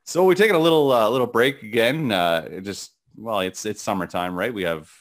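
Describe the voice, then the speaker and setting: A middle-aged man with a gravelly morning voice and a fairly low pitch, chatting as the co-host of a sports podcast. He rambles and halts, restarting sentences and filling the gaps with ums and uhs. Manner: rambling, halting with many restarts and fillers. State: voice cracking. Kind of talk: casual sports podcast chat.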